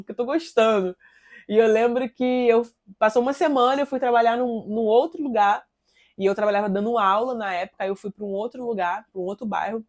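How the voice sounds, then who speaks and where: Earnest Brazilian woman sharing a testimony. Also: on the high side. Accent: Brazilian Portuguese. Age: 30s. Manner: earnest, conversational, with frequent tag questions. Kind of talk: personal faith testimony.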